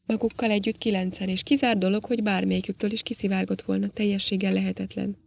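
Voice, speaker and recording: A woman reading an audiobook, voicing a nervous man who speaks bluntly and quickly loses his nerve. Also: mid-range voice, little pitch movement, gravelly, darkish tone, natural voice.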